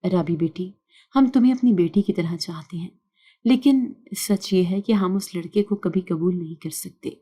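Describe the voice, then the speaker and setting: Give me a firm, measured old father-in-law, voiced by a woman reading. He speaks gently but does not bend. The tone stays dark and steady. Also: fairly low pitch, breathy edge.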